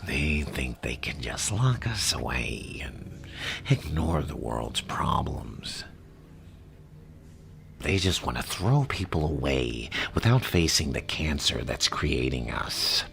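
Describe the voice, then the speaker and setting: An actor playing a theatrical, menacing madman crime boss in an ASMR roleplay, mocking and drawn-out, often slipping into a whisper. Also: very deep voice, big pitch swings, fairly bright tone, slight background noise, full character voice. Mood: bitter, menacing. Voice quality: gravelly.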